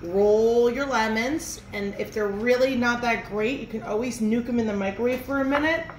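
At a moderate pace and fairly high pitch, a woman chef in her thirties gives a cheerful, filler-heavy cooking demonstration in her home kitchen. The mid-distance camera in front catches kitchen echo, music and slight background noise.

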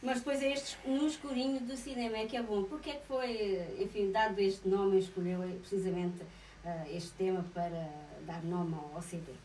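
A middle-aged woman with a European Portuguese accent hosting a local radio interview, lively and affirming while taking calls. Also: mid-range voice, moderate pace, roomy sound, distant mic, slight background noise, low-quality recording. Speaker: radio presenter. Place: small radio studio. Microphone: studio mic with headphones.

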